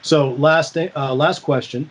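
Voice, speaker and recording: A man's voice: fairly high pitch, steady tone, husky. A man hosting a fight podcast, asking casual questions with many fillers and restarts. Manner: halting, filler-heavy questions. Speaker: podcast host.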